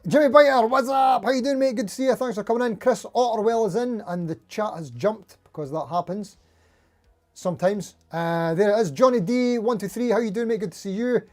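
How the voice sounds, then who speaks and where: Over-caffeinated man with a mellow voice. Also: high voice. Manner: over-caffeinated, jittery rambling; self-deprecating. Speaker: live stream host, guitar player. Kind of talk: casual live stream chat, greeting viewers.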